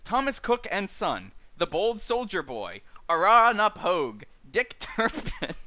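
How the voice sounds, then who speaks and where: A man hosting a streamed book club, reading a list of names and chatting casually with lots of fillers and dry asides. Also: high voice. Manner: lively, halting with many fillers, dry asides. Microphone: streaming mic.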